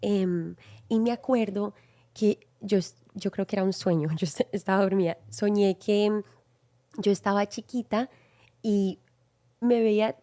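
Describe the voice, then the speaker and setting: This woman shares a personal testimony in an earnest, reflective way. Her voice is mellow and warm and sits at a middle pitch. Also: steady tone, measured pace. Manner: earnest, reflective, recounts a dream. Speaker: guest.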